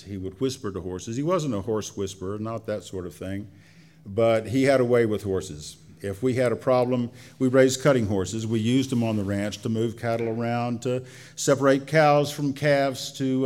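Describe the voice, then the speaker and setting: A man tells a story live to an audience in a folksy, colloquial way, drawing out his phrases and pausing as he goes. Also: medium pitch, a little mellow.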